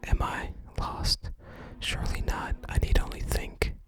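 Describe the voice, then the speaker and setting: In a slow, airy whisper typical of ASMR, the host talks through a video game, voicing the game's text as it appears.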